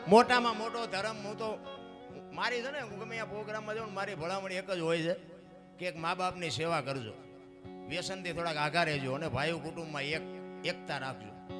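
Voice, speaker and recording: A man telling folk tales and preaching to a live crowd in an animated way, with music behind. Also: sits high, fairly quick. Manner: animated, preaching, addresses listeners as bapu. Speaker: folk storyteller. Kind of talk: folk storytelling sermon at a live program.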